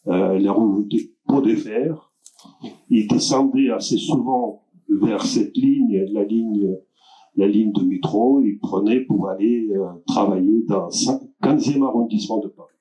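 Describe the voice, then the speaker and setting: A man introduces the guests of a cultural evening, speaking slowly with lots of hesitations and restarts. His voice is fairly low and dark, and the recording sounds dull and lo-fi. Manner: halting, many filler sounds and restarts. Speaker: event host introducing speakers.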